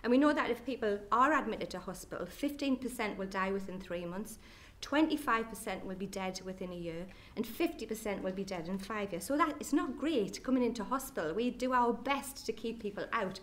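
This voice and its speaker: A middle-aged woman with a broad Geordie accent presents at a professional education day. Her delivery is conversational and lightly joking as she addresses the room, speaking at an ordinary middle pitch. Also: animated, a little fast, few pauses, fairly bright tone. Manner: chatty, jokey asides to the audience. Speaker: nurse consultant. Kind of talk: conference presentation. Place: lecture hall at an education day.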